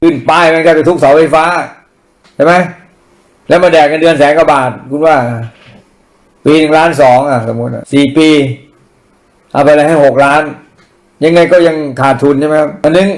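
A man's voice: fairly high pitch, steady tone, normal speed, long pauses. A man giving blunt, profane political commentary in casual rant style, mocking and crude.

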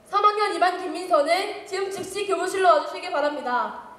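A woman's voice: very high-pitched, lively intonation, a little fast, fairly bright tone. A woman doing a school intercom announcement. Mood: formal. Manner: formal, repeated announcement. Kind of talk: stage musical acting. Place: theater stage. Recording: roomy stage sound, distant mic.

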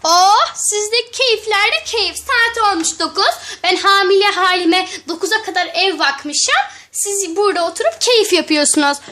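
A woman's voice: very high voice, unhurried, sharp tone, roomy sound, far from the mic, exaggerated voice. A woman voicing a snobbish, money-minded mother in a doll play, wailing and grumbling. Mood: shrill.

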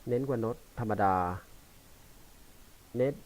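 A man teaching bass, explaining notation loosely and haltingly between examples played on the instrument. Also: fairly even intonation. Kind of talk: casual instructional talk between playing. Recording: quiet voice under loud bass playing. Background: loud electric bass playing.

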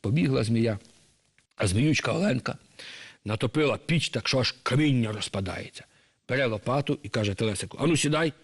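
Lively male storyteller for children. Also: medium pitch, fairly quick, gravelly, husky. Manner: lively, talks directly to children. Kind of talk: folk tale narration.

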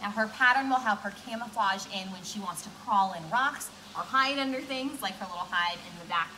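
Cheery, bright young woman zookeeper. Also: medium pitch, fairly quick, a little hiss or hum, poor audio. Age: 20s. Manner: cheery, friendly zookeeper explaining simply. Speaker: zookeeper presenting animal talks at a children's science center. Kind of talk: educational keeper talk to camera for children. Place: indoor room beside a reptile tank.

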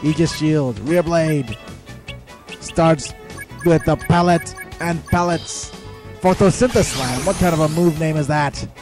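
A man thinking aloud over his video game in a rambling let's play commentary, full of fillers and pauses. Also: fairly high pitch, over music.

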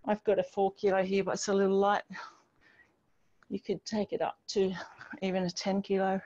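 A middle-aged woman with a mellow, mid-range voice and flat delivery leads an online exercise session at normal speed, offering encouraging step-by-step cues as she moves with the group. She's on a home patio outside, near a garden wall. Sound from the distant device mic on the video call is dull and band-limited.

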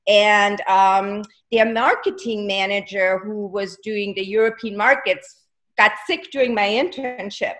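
Chatting casually in an interview over a webcam video call from her home, a costume designer in her forties laughs readily. She has a German accent, comes from Germany near Salzburg, and her voice is medium-pitched and fairly bright.

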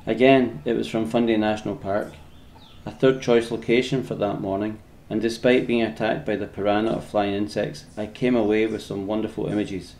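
A man's voice: fairly low pitch, darkish tone. A man in his fifties with a Scottish accent, talking informally as a landscape photography vlogger. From Scotland. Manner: informal, sweary. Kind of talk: casual vlog talk and narration.

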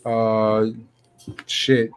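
A man's voice: on the low side, little pitch movement, extremely slow, smooth, dry recording. A man in his thirties on a video call, casual and matter-of-fact, swearing now and then. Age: 30s.

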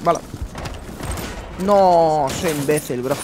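A young man from Spain with a Spanish accent, chatting excitedly and casually to viewers while commentating his own gameplay. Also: a little high, slow. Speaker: gaming YouTuber. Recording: noisy with game sound. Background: game sounds.

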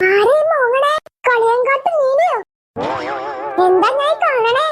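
A jealous young sister-in-law from a cartoon, played by a woman. She speaks in a sharp, very high voice and taunts sarcastically. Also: unhurried, no echo, soft background music. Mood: taunting. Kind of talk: cartoon voice acting.

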